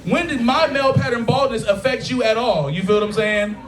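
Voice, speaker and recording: Speaking a little fast in a very high voice, a stand-up comedian in his thirties works a taproom stage with crude, conversational material. He often checks in with the crowd, and the echoey bar room is full of background noise and laughter.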